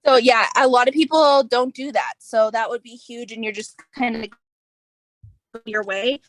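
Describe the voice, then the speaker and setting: A woman's voice: on the high side, steady tone, moderate pace. Chatty woman on a glitchy video call. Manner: chatty, lots of fillers like "like" and "um". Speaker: lash business owner and coach. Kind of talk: casual video call coaching. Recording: glitchy video call audio, sometimes distant.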